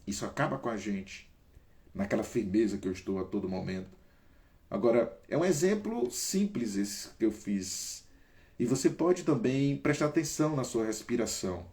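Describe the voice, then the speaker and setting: A man's voice: medium pitch, moderate pace. A man from Brazil hosting a casual talk, coaching listeners through breathing exercises and calling on them by name. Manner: animated, emphatic, varies pace and loudness. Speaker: host.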